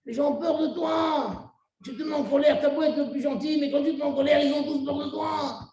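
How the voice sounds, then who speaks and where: A middle-aged man from Tunisia, a rabbi giving a sermon as an animated storyteller who acts out the dialogue. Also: extremely high pitch, fairly quick, gravelly, lo-fi sound. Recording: very echoey room, mic far off.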